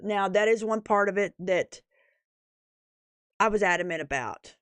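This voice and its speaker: Speaking a little slowly at a medium pitch, this YouTube livestream host is captured in a dry recording. Her casual, rambling talk to viewers is emphatic, and she keeps checking in with short tags like "okay?" and "right?"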